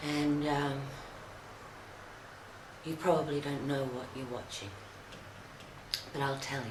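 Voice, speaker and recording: Low woman, halting casual commentary, echoey room, steady background noise. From Australia. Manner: halting, full of fillers and restarts. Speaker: video commentator.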